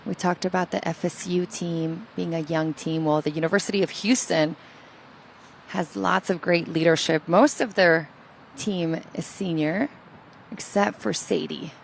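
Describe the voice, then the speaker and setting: Casting: woman golf commentator, creaky lower register, explanatory, light ambient noise behind. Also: fairly even intonation, unhurried.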